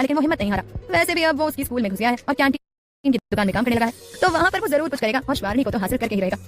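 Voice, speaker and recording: A woman narrating a romance audiobook in a rapid, dramatic storytelling manner. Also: fairly high pitch.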